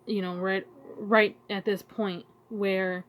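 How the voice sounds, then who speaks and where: Tearful woman vlogging, halting speech. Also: mid-range voice, level tone. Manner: emotional, halting, searching for words. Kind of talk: casual heartfelt vlog talk.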